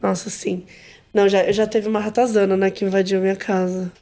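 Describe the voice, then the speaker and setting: A woman's voice: medium pitch, fairly quick. A Brazilian woman hosting a podcast, chatting casually and telling stories with acted-out quotes. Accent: Brazilian Portuguese. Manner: animated storyteller, acts out quotes. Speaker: podcast host. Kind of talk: casual chat.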